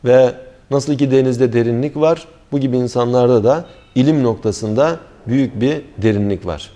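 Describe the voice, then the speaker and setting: A middle-aged man giving a religious lecture on scripture, speaking with deliberate care and pausing often as he thinks. His voice is mellow and warm, sitting at an ordinary male pitch. He sounds like a teacher patiently explaining verses to a class. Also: lo-fi sound. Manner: measured explanatory delivery with frequent hesitations; recites Arabic verses then translates. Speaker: Quran commentary teacher.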